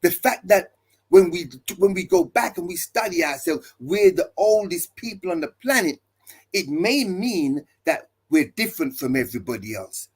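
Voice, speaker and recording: A man's voice: sits high, big pitch swings, moderate pace, a little mellow, slightly rough. A male pastor preaching to listeners, building his points with emphatic repeated refrains and rhetorical questions. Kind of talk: preaching talk.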